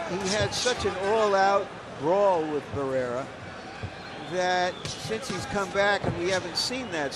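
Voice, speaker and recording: High-voiced male boxing commentator, measured phrasing. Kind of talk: live sports commentary. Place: ringside in large arena. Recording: clear arena noise behind voice.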